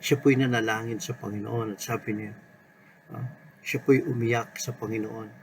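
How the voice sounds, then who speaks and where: A man preaching a sermon in an unhurried way, mixing Tagalog and English and repeating key words. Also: mid-range voice, steady tone, a little hiss or hum, rough recording.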